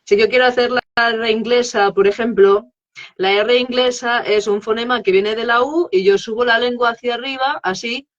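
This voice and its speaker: A woman's voice: on the high side, steady tone, moderate pace, muffled recording. A woman, a guest expert on English teaching, explaining her method in a live interview and checking in often with tag questions.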